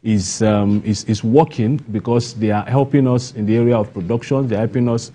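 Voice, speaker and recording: A Nigerian playwright answers questions as a guest in a broadcast interview, earnest and emphatic, repeating phrases as his point builds. His medium-pitched voice is mellow and husky, with fairly even intonation and a moderate pace.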